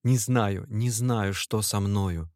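A man's voice: on the low side, slow pace, darkish tone, dry recording, clean studio sound. A man voicing a worn-out, broken young male clerk who speaks in a weak, faltering voice. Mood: weary.

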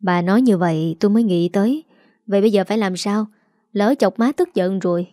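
A woman's voice: medium pitch, fairly quick, dark tone, no echo, studio quality, lightly acted. A woman voicing a hot-tempered, crude grown son who roars and curses, in a Southern Vietnamese accent. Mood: sheepish. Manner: roaring, cursing.

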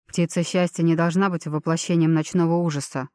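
A woman voicing a haughty elf lord, low-toned. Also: level tone, brisk, darkish tone, no room sound, clean studio sound, close to an everyday voice. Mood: blunt haughty. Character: proud young male elf lord, cornered.

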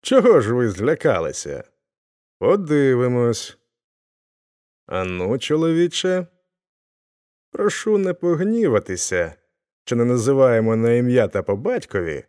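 Man voicing a middle-aged village Cossack, storybook, flustered exclaiming, lively swings in pitch. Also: a little slow, pauses often. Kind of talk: audiobook character voice.

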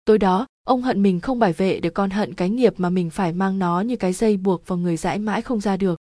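A woman narrating a spooky village story in a steady, even storytelling tone. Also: medium pitch, quick pace, dry recording, studio quality.

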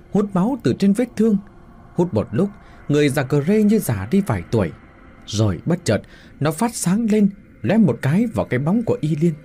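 A man's voice: a little high, warm tone, husky. A man narrating a scripted horror story in a dramatic, suspenseful way.

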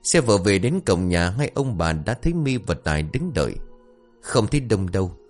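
A man reading a family story aloud as scripted narration, in an expressive, dramatic way. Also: deep voice, moderate pace. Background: faint music.

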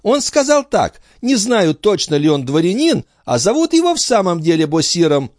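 A man voicing an excited little boy who chatters and shouts, in a read-aloud story. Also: high-pitched, normal speed, no room sound, clean studio sound, voice pushed up. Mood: chattering.

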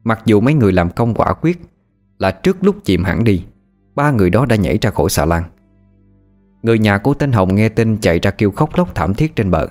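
A man narrating a ghost story in a measured, steady way. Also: lowish voice, faint music behind.

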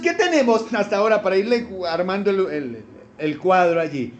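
Colombian male pastor, very high-pitched voice, conversational sermon with frequent check-ins, faint background noise. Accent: Colombian Spanish. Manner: asks the congregation frequent check-in questions.

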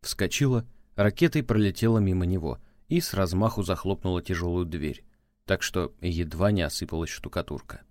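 In this scripted audiobook narration, a man with a very low voice reads in a measured, unwavering way. The recording is close and dry, with no echo at all.

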